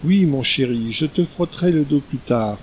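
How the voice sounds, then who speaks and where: A man's voice: mid-range voice, animated, normal speed, a little mellow, slightly rough. A man reading an audiobook, voicing an imperious woman ruler who talks down to her caged pet in a cooing yet commanding way.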